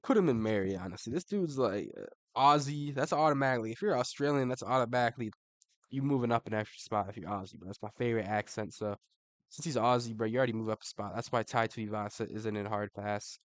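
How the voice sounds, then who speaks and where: He talks fast in a mid-range voice with no room sound, ranking fighters as an online commentator. The delivery is loose and slangy, full of swearing, constant "bro"s and laughs between comments.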